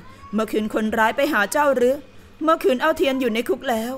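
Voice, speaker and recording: A woman's voice: high voice, fairly quick, natural voice. Frank, breezy young heroine, read by a woman. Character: bold quick-witted young heroine.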